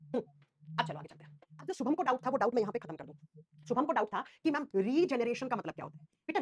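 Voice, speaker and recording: A young woman with a high voice teaches a science class online in an animated way, repeating key terms and fondly calling her students "beta".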